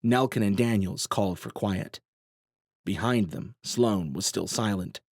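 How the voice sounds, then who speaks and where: A man narrating a novel in a steady, measured way. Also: on the low side, no echo, clean studio sound. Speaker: audiobook narrator. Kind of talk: scripted narration.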